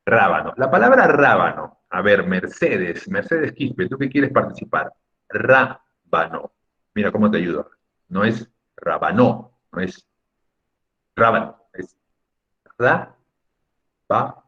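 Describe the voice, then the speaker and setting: A man's voice: on the low side, very animated, moderate pace, a bit bright. A man teaching an online class, patiently coaxing students by name and drawing out words to stress their syllables, over a video call. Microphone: computer mic on a video call. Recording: muffled lo-fi video call audio.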